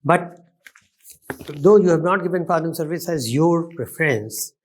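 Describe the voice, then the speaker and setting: A man with an Indian accent putting formal questions as an interview panelist, halting and often rephrasing himself. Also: a little high. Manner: halting, repeats and reformulates questions.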